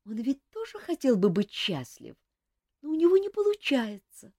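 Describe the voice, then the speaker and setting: A woman voicing an earnest, gentle young woman who pleads in a high, lively voice in an audiobook. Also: normal speed, husky, dry recording, clean studio sound, full character voice.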